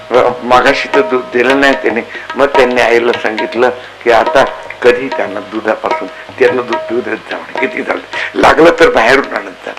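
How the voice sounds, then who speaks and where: A man preaching a devotional storytelling sermon, telling a folksy childhood anecdote and acting out voices and a cow's lowing. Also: poor audio. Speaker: kathā preacher.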